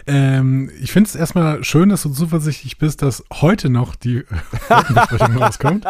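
A man's voice: a little high, expressive, normal speed, husky, dry recording. A man co-hosting a podcast in casual chat, with a dry, teasing manner. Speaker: podcast co-host.

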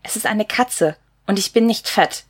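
A woman's voice: mid-range voice, moderate pace, husky, natural voice. A woman voicing a timid young woman in a read-aloud book excerpt, speaking defensively and earnestly in a raised voice.

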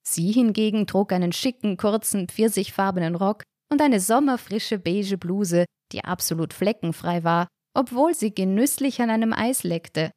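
A woman reading a first-person storybook aloud in a lively, wry way. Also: medium pitch, normal speed, few pauses, no echo, studio quality. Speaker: audiobook reader.

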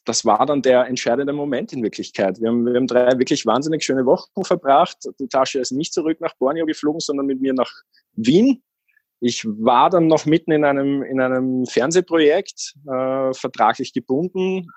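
A man's voice: mid-range voice, slightly rough, no room sound. A man from Austria, a guest in a casual interview, talking in a rambling way with many fillers and restarts.

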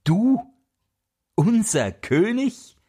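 A man's voice: high-pitched, sing-song, slow pace, a little mellow, pitched above the performer's own voice, full character voice. A man voicing a flock of indignant, angry birds in a storybook reading.

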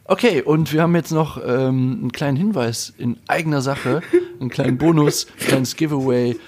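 A man hosting a casual morning show, talking in a halting way with many fillers. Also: medium pitch, darkish tone. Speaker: host.

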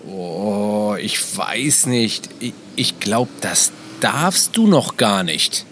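Man acting a gentle, unhurried father. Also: on the low side, animated, slight background noise, heavily acted. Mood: gentle, hesitant. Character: gentle, hesitant father of small children. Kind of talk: children's educational audio play.

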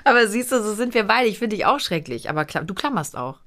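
A woman's voice: mid-range voice, very animated, quick pace, a bit bright. A middle-aged woman hosting a podcast in casual chat, talkative and teasing, laughing often. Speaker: podcast host.

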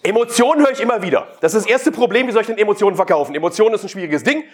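A man's voice: high voice, lively intonation, very fast, breathy edge. A man giving a live sales talk, questioning the audience and provoking them. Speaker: sales speaker.

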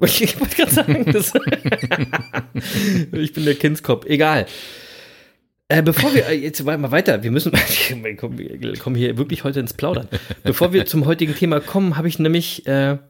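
Lively, playful man in his thirties. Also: fairly high pitch, moderate pace, slightly rough. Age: 30s. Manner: playful, teasing, laughs often. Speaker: podcast co-host. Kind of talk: casual chat.

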